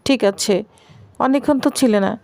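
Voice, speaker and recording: A woman's voice: high-pitched, brisk, darkish tone, no room sound. A woman voicing a jealous young wife who speaks in a curt, cutting way, in a retold serial story. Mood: bitter.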